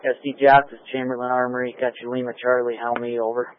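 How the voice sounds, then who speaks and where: A man answering a radio check over a two-way radio, speaking in brisk, clipped radio procedure. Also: mid-range voice, flat delivery. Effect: heard over a two-way radio with static. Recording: narrow crackly radio transmission.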